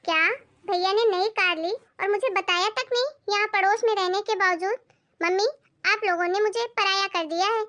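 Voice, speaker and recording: A woman voicing a jealous grown daughter in an animated family skit, talking in a sharp, complaining way. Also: very high voice, normal speed.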